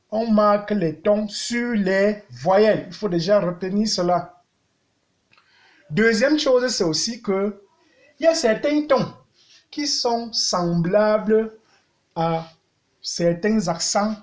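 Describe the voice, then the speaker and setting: In a language lesson, a man with a high-pitched voice speaks deliberately, repeating words and singing out vowels to demonstrate their tones.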